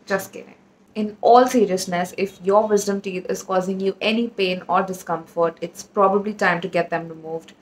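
A woman's voice: medium pitch, fairly even intonation, moderate pace, few pauses, noisy background. A woman hosting a dental channel who says she sounds sleepy this early in the morning. She delivers scripted educational narration in an upbeat, playful, punny manner.

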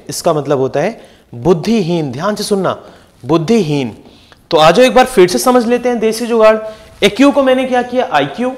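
A young man with a fairly high voice teaching vocabulary with lots of energy. He repeats each word and keeps asking his students quick questions, pushing them to focus and remember. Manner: lively, repeats words and asks quick questions to the class. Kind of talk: energetic exam-prep lesson.

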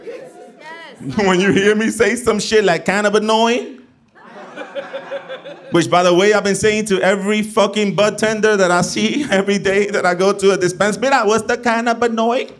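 Holding a handheld mic on a club stage, this comedian game show host, a forties-aged man from Puerto Rico with a New York accent, teases the crowd loudly and profanely. He speaks at normal speed in a high-pitched, steady tone. Crowd noise fills the live recording as people laugh and clap.

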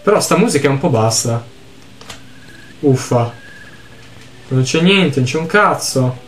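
A young man from Italy doing let's play commentary, excitable and quick to swear as he reads game text aloud. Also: a little high, a little hiss or hum. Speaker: gaming YouTuber.

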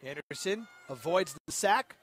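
A man's voice: on the high side, animated, unhurried, fairly bright tone, husky. A man calling a college football game as play-by-play announcer, conversational and a little rambling. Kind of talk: sports commentary.

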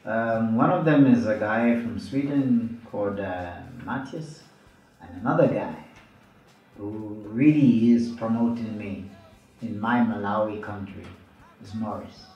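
A man in his thirties, a musician from Zambia, answering interview questions in a relaxed, unhurried way with fillers. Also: lowish voice, highs cut off. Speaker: musician guest. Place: small studio room, indoors. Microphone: studio mic on stand, headphones. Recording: roomy, slightly distant mic with music underneath.

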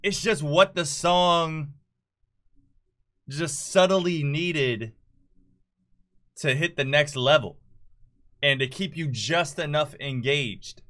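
A man, a music producer, reacting casually to an album, excitable and quick to exclaim or swear. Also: fairly high pitch, dry recording, studio quality. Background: music played under his talk.

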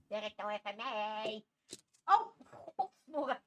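A woman's voice: medium pitch, lively intonation, slow pace, background noise. A woman chatting playfully to her dog at home in teasing baby talk, often laughing. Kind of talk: casual vlog talking to a pet.

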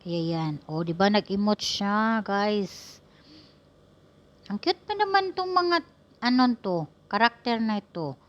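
A woman's voice: medium pitch, expressive, slow pace, pauses often, highs cut off. A woman giving playful, teasing voice-over commentary on a video for her viewers. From Philippines. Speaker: vlogger narrating a video.

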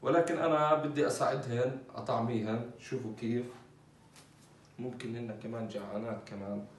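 A man's voice: medium pitch, steady tone, brisk, far from the mic. Man, casual bird vlogger, talks loosely with fillers, roomy echo, set back from the mic. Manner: chatty, many fillers, talks while handling birds. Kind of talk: casual informative vlog. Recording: echoey, off-mic with faint ambience.

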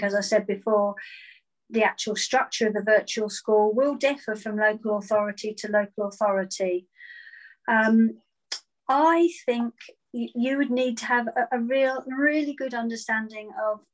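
A woman's voice: mid-range voice, low-quality recording. A woman, a school head, answering interview questions earnestly on a video call and often repeating words as she starts a thought. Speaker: virtual school head teacher. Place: indoor room at home.

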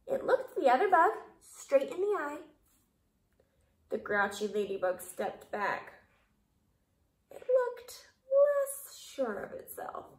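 A young woman reads a picture book to small children in an animated, questioning way. Her voice is high with big swings, unhurried, recorded at home in a roomy space. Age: young adult. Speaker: kindergarten read-aloud reader. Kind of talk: expressive children's story reading. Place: small living room, indoors. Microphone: camera a short distance away.

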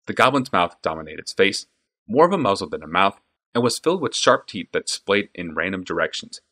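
A man narrating a fantasy audiobook with an expressive, varied delivery. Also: low voice, brisk.

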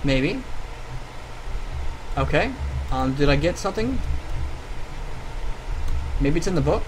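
A man with a slightly high voice gives casual gameplay commentary. He talks as the host, reading game text aloud as he goes. A fan hums faintly behind him. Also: slow pace. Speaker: gaming video host. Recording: steady loud fan hum behind the voice. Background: fan noise.

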